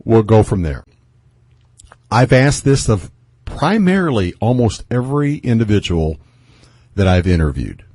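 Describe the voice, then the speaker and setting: A man's voice: lowish voice, big pitch swings, measured pace, pauses often, mellow, slightly rough, dry recording. A man with a Midwestern accent hosting a radio interview, rambling with many fillers and restarts. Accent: Midwestern American. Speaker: radio host.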